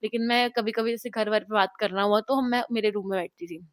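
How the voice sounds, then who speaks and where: A young woman vlogger telling a personal story to camera in a casual, animated way, mixing English words into her speech. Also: mid-range voice, fairly quick, no echo, clean studio sound. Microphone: clip-on mic, later camera mic after battery died.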